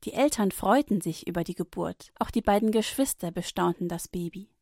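A woman reading a Bible story for children, gently and expressively. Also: on the low side, fairly quick, no echo, clean studio sound.

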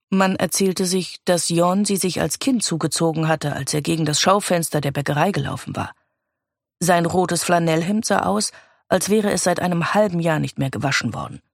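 A narrator reading a crime novel aloud in an even, measured way. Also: medium pitch, gravelly, no echo, clean studio sound. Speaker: audiobook narrator.

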